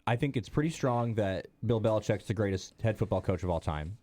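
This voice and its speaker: Lively male sports radio co-host. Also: lowish voice, brisk. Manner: opinionated, animated, joking. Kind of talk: casual sports radio chat.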